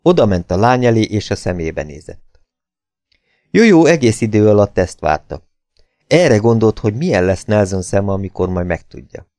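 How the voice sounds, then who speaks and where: A man narrates an audiobook with a low voice, reading in a measured, even way. The recording is close and dry, with no room sound. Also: no echo.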